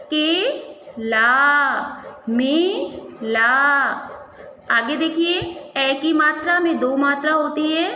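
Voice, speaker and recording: A woman teaching a primary school Hindi class, sounding out words slowly syllable by syllable and asking and answering her own questions. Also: high voice, pushed and bright. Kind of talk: classroom lesson, slow syllable-by-syllable drilling. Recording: echoey room with faint ambient noise.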